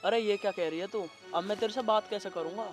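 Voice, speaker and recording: A man as a high-voiced coaxing village lover. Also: quick pace, soft background music, lightly acted.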